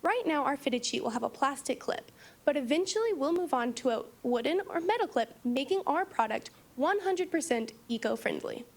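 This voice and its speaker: A young woman delivering a rehearsed, confident startup pitch as a founder, presenting in a meeting room. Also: expressive, normal speed. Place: meeting room, standing before seated judges.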